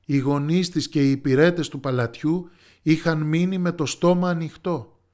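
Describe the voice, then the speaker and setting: A man storyteller reading a fairy tale aloud in a lively, expressive way. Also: on the high side. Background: soft music.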